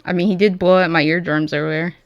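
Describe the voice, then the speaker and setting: A woman's voice: lowish voice, fairly even intonation, fairly quick, no echo, muffled recording, faint music behind. A woman in casual voice-call chat, blunt and teasing, swearing freely.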